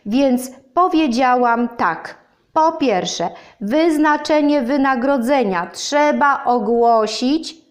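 A woman's voice: high-pitched, animated, takes it slowly. Woman reading a pompous know-it-all owl. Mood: correcting. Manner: pompous, lecturing. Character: wise old owl, pompous, fond of long words. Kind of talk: storybook reading for children.

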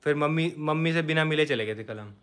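A man's voice: fairly high pitch, fairly bright tone, clear, resonant tone. A young man chatting casually to his viewers in a vlog. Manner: quick, chatty, addresses viewers. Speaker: vlogger.

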